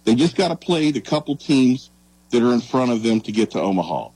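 Male sports talker, earnest and reflective, halting delivery, slightly rough voice, medium pitch. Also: very animated, darkish tone, dry recording, low-quality recording. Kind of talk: casual sports talk.

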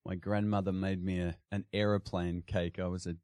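An Australian man with a very low, deep voice talks casually as an interview guest. He hesitates often, restarting his sentences. The sound is close and dry. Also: little pitch movement, normal speed, a little mellow, dry recording. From Sydney, Australia. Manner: hesitant, many restarts and fillers, frequent laughs. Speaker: podcast guest.

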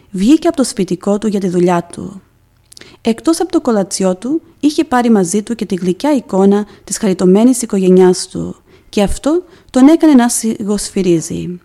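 Warm-voiced woman reading a devotional. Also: medium pitch. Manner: measured, solemn reading with emphatic pauses. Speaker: podcast presenter. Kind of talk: scripted devotional narration.

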